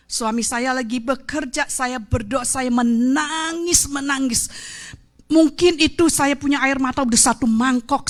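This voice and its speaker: A woman evangelist giving an emotional testimony sermon in a church, moving from hushed whispers to loud, fervent exclamations. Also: high-pitched. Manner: addresses the congregation as "saudara" and mixes in English phrases. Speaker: evangelist preacher. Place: church sanctuary.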